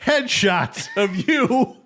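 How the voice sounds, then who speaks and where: A man's voice: high voice, animated, extremely slow, bright, forceful tone. A man co-hosting a casual comedy podcast, playful and joking, often trailing off into fillers. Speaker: co-host.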